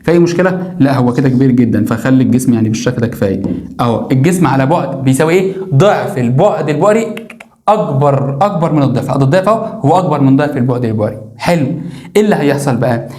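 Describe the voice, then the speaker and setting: Fast, emphatic Egyptian science teacher. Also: male voice, medium pitch, lively intonation, a little mellow, reverberant. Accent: Egyptian Arabic. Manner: repetitive, emphatic, drills key words and asks the viewer questions. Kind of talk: classroom lesson explaining diagrams.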